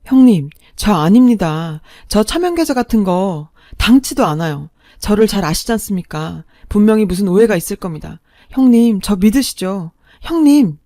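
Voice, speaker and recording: A woman's voice: mid-range voice, expressive, normal speed, few pauses, no echo, lightly acted. A woman puts on a desperate middle-aged father in a storybook tale. He pleads and begs, his voice rising as he insists on his innocence. The sound is dry and close. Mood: pleading. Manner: pleading, begging loudly.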